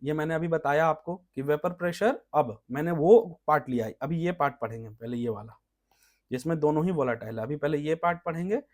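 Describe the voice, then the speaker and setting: Male chemistry lecturer, fairly high voice, repeats terms and keeps checking the class. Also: a little fast, a little mellow. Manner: explains step by step, asks rhetorical checks, repeats key terms. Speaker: chemistry teacher.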